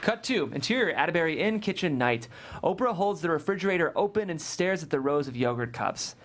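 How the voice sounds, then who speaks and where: A man with a slightly high voice for a male reads a screenplay's stage directions aloud at a table read, narrating the action. His delivery is brisk, expressive and a little bright.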